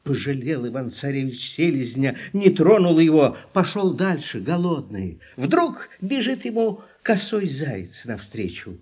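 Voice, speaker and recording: A man with a fairly high, husky voice narrates a fairy tale. His audiobook storytelling is expressive and slow, with wide swings of pitch.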